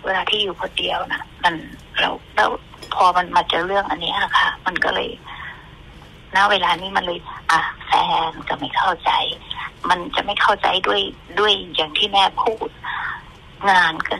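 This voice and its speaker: A middle-aged woman giving an earnest, halting account in an interview as a mother, often repeating herself. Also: lowish voice, fairly even intonation, vocal fry, pushed and bright, a little hiss or hum, rough recording.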